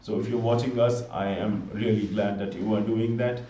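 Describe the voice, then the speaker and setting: A Hindi-speaking man with Indian-accented English and a low, mellow voice gives solo live cricket commentary from a room at home, bundled up against the cold. He talks at normal speed, chatty and pleading for subscriptions, with sudden excited exclamations. Sitting far from the mic in an echoey space, he sounds dull and lo-fi.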